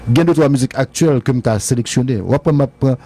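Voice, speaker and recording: A man's voice: mid-range voice, quick pace, warm tone. A man with a Haitian accent rambling through a casual radio-show debate about music, repeating his phrases and laughing often. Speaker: music commentator.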